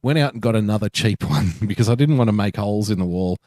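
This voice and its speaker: A low-voiced Australian man co-hosts a podcast in relaxed chat. He tells stories with jokey asides and laughs often. His voice sounds dry and close to the mic. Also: quick pace, no echo. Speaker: podcast co-host. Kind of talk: casual chat.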